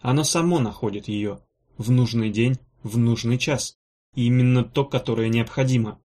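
A man narrating a fantasy novel as an audiobook in a steady, even storytelling manner. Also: medium pitch, normal speed. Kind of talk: scripted narration.

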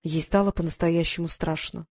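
A woman narrating a novel in an even, measured storytelling manner. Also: on the low side, no room sound. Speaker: audiobook narrator.

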